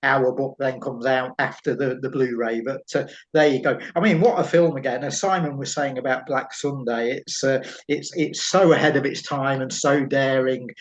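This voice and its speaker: Derbyshire man, dull lo-fi recording. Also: mid-range voice. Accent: East Midlands English, Derbyshire. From Derbyshire, England. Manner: hesitant, thoughtful, enthusiastic, repeats words as he goes. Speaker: film writer, podcast panellist. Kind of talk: casual film discussion.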